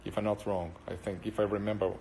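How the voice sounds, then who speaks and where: Quick-paced and dark in tone, with a fairly low pitch that barely moves, a Brazilian man chats casually with viewers on a live stream. Portuguese is his first language and he has a Brazilian Portuguese accent, and he rambles with many hesitant fillers.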